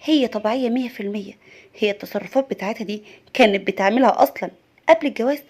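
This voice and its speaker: Calm male Egyptian psychiatrist, soft and reassuring, voiced by a woman. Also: fairly high pitch, rapid-fire, natural voice. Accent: Egyptian Arabic.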